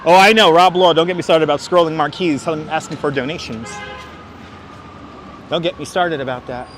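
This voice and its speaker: This livestream walking tour host talks briskly in a slightly high, steady voice, his thick Brooklyn, New York accent coloring the casual chat and street commentary for viewers. The recording follows him on foot through busy Manhattan streets outdoors, where clear city traffic noise, passing vehicles and general street ambience fill the background.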